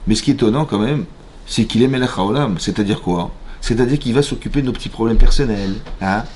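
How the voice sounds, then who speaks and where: A man, a rabbi, giving an informal Torah lecture to a live class, animated and often checking in with his listeners, with frequent repetitions and sometimes dropping to a hushed voice. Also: fairly low pitch, fast talker.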